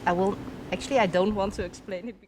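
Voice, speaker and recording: A woman's voice: medium pitch, fairly even intonation, fast, very noisy. A woman answering an interview question in a self-deprecating, nervously laughing way.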